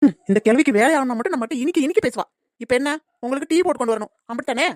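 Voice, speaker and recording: A woman voicing a sharp-tongued, grumbling young daughter-in-law in a cartoon comedy. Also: sits high, very fast, dry recording, studio quality, close to an everyday voice. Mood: sarcastic. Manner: grumbling, sarcastic.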